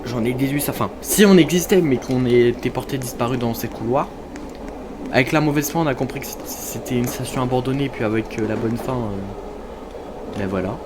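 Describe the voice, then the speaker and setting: Man, casual game commentary, self-mocking, mid-pitched, noisy background. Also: normal speed. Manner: chatty, self-mocking, talks to viewers. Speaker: gamer. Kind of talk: casual let's-play commentary. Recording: noticeable background noise.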